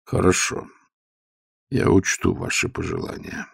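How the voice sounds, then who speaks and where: A man voicing a dignified elderly retired rear admiral who speaks quietly and with calm composure. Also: low voice, moderate pace, gravelly, no echo, clean studio sound, full character voice.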